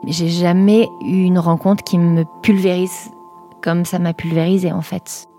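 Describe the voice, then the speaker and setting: A woman, recounting a personal memory in a chatty, halting way with many fillers and restarts. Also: lowish voice, little pitch movement, warm tone, soft background music. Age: 40s. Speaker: guest telling her story. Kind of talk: personal testimony storytelling.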